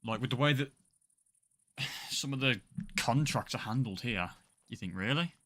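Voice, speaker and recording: A man's voice: mid-range voice, normal speed, bright, forceful tone. A young man chatting casually on a game stream, rambling and swearing freely. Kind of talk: casual live-stream chat.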